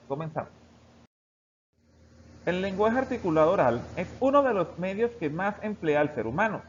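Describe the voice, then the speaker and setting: A man teaching a recorded class, explaining step by step and talking directly to his students. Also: a little high. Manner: steady explanatory delivery, addressing students directly. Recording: dull lo-fi recording with faint background hiss.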